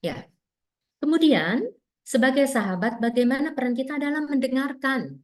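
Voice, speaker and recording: A woman speaking to teachers in a webinar, gentle and encouraging, explaining with many examples and acted-out dialogues. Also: high voice, normal speed. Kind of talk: webinar talk.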